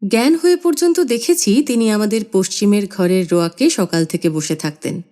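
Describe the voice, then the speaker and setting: A woman narrating a literary short story in an expressive, measured way. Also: medium pitch. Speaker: audiobook narrator.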